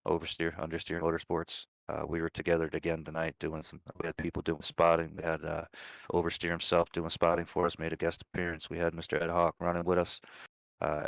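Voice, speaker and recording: A man's voice: a bass voice, gravelly, no room sound. A man in his forties, a sim racing driver, giving a rambling, heartfelt post-race interview full of thanks. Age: 40s.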